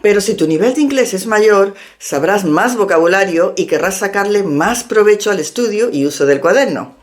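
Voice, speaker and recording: Woman language teacher, animated pitch, methodical instructive delivery. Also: moderate pace. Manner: clear, step-by-step instructive delivery. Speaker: English teacher and linguist. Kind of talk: explanatory language lesson.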